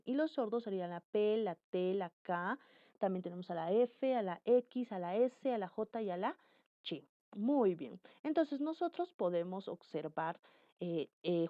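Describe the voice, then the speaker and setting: A woman teaching a lesson on consonant sounds, who repeats example words slowly and speaks straight to the viewer. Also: mid-range voice, dry recording, dull audio. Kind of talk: phonetics lesson.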